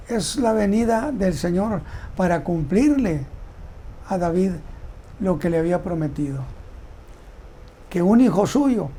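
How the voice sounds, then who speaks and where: A man giving a Bible teaching sermon, reading scripture aloud and commenting on it in a slow, deliberate way. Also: high voice, mellow. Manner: slow, deliberate delivery with repeated words. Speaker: preacher.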